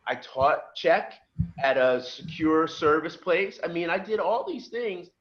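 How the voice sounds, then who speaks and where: A bit slow and on the high side, this middle-aged man's voice comes through dull audio. He's a podcast guest from just outside Philadelphia who tells his life story in casual talk, acting out the other people's voices with a lively storyteller's flair.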